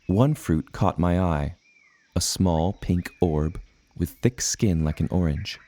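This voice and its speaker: An actor voices an earnest seafaring adventurer recounting his tale in formal, old-fashioned language, as scripted storybook narration. His voice sits low and dark, he takes his time, and there's no echo.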